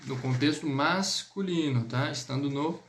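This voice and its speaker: Slow, gravelly Brazilian man teaching French. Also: on the high side, echoey room. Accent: Brazilian Portuguese. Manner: patient, repeats words slowly, checks in with "tá?". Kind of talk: live online language lesson.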